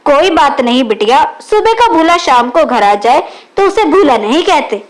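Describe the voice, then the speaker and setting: A woman reading the lines of a gentle, patient older mother-in-law in a storybook reading, in a soft, soothing way. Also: high-pitched, big pitch swings, normal speed, voice pushed down.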